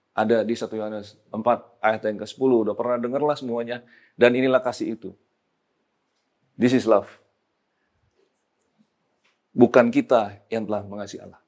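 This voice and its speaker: A man preaching a sermon, switching between casual slang and English and rising to loud emphatic peaks. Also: mid-range voice.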